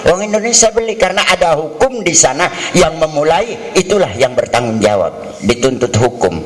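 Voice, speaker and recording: Man, middle-aged, fairly high voice, humorous lecture, acts out quarrels. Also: moderate pace, rough recording. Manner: lively, acts out quarrels and bargaining in mock voices. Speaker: hajj pilgrimage instructor.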